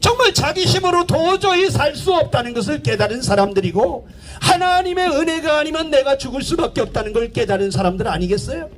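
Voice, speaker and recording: Very high-voiced preaching man. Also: animated, brisk, a little hiss or hum. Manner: emphatic preaching with frequent rhetorical questions. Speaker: pastor, street evangelist. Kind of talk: outdoor evangelistic sermon. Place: outdoor public park.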